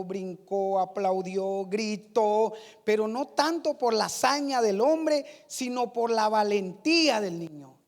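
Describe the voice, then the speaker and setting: A woman preaching a sermon, telling a story slowly and building to fervent praise. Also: a little high. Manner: slow storytelling, rising to fervent shouted praise. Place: church sanctuary. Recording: reverberant church hall.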